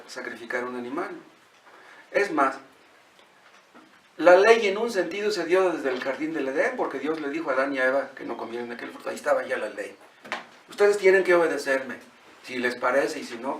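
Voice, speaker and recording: A man's voice: a little high, reverberant, far from the mic, slight background noise. A man with a Mexican Spanish accent preaching a sermon as a pastor, retelling conversations and asking rhetorical questions. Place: church.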